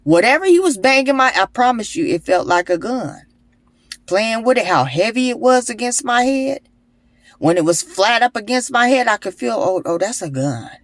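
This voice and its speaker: A woman's voice: a little high, lively intonation, moderate pace, no echo. A young adult woman telling a personal testimony in an emphatic, repetitive way that turns into urgent prayer. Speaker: vlogger sharing a personal testimony. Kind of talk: emotional spoken testimony with prayer.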